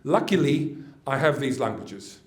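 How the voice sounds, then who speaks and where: A man's voice: medium pitch, animated, measured pace, echoey room. A man raised in Israel giving a conference lecture, chatty and joking with the audience. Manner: chatty, with jokes and asides to the audience. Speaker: conference speaker. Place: lecture hall.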